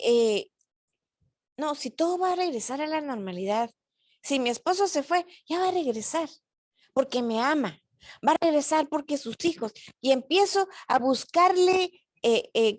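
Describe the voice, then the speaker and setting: A woman's voice: sits high, no room sound, studio quality. A woman leading a parent workshop, speaking earnestly, with frequent repeats and restarts. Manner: slow, repeats words and restarts often; earnest, gently urging listeners. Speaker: parent training facilitator. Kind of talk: teaching a workshop on grief.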